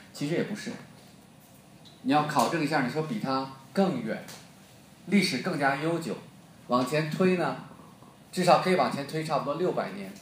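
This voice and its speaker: A man's voice: medium pitch, slight background noise. Brief: Beijing man, storytelling preacher, joking, reverberant hall. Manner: joking, quizzes the audience. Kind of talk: storytelling sermon.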